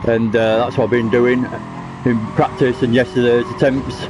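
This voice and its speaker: A man with a medium-pitched, level voice talks at a moderate pace over a noisy background. He chats about his own sim racing laps on a live stream, self-deprecating and a bit breathless as he explains how he drives.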